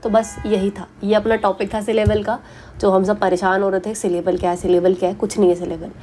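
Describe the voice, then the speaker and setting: A woman teaching English grammar for exams, explaining patiently in a mix of Hindi and English and repeating the example words slowly. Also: mid-range voice, flat delivery, mellow, slight background noise.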